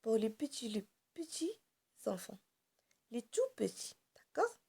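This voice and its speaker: A woman's voice: on the high side, sing-song, unhurried, gravelly, mellow, breathy edge. A woman teacher giving a phonics lesson to small children, explaining step by step and patiently repeating each sound several times. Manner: explains step by step while drawing on a board.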